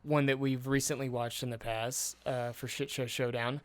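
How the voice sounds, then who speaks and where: A man's voice: mid-range voice, little pitch movement, moderate pace, smooth. A man co-hosting a casual movie podcast, joking, laughing often and steering the conversation. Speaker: podcast co-host. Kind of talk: casual chat about movies.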